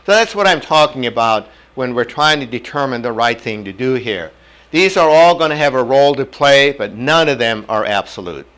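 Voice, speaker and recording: Standing before a classroom whiteboard, this older man, a North Dakotan who grew up speaking German, gives a measured medical ethics lecture through a lapel mic. His medium-pitched voice is clean, a bit bright, and lively in intonation, and he explains things plainly with everyday examples.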